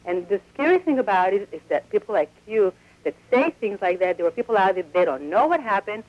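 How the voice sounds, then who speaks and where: Through a dull lo-fi phone connection, a woman caller to a talk radio show argues her case insistently and with evident upset, speaking in long runs. She has an expressive mid-range voice and talks a little fast.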